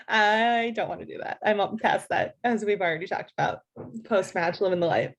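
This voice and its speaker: Young woman from chicago on a panel, lively storyteller, laughs a lot. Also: mid-range voice, moderate pace. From suburbs of Chicago. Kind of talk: casual chat.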